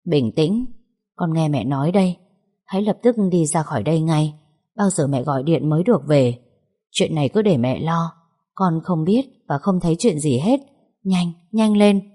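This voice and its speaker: A woman's voice: deep voice, expressive, normal speed, warm tone. A woman voicing a middle-aged mother who stammers with fear yet gives urgent, firm orders in a told story. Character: middle-aged mother, frightened but forcing calm.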